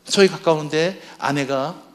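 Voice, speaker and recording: A man's voice: a little high, a little slow. A man speaking at a church marriage seminar. He asks the audience questions and acts out what spouses say to each other. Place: church hall before an audience.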